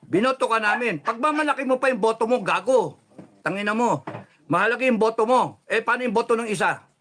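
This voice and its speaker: A man's voice: fairly quick, slight background noise. Man in a heated cursing rant. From Philippines. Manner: heated, cursing, swings between shouting and low controlled muttering. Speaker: political commentator. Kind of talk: angry political rant.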